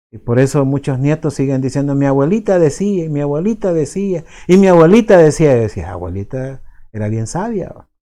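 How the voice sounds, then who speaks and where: A male pastor with a Salvadoran accent preaches in a loose, conversational way. He keeps checking in with tag questions and repeats words as he searches for them. His voice is mellow and of middle pitch. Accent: Salvadoran Spanish. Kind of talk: sermon.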